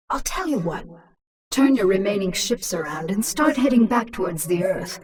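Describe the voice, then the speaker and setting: A woman's voice: mid-range voice, distant mic, close to an everyday voice. A woman playing a ruthless, mocking queen of an alien swarm in a video game, imperious and drawling in her threats. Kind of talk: dramatic video game acting. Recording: voice under very loud music.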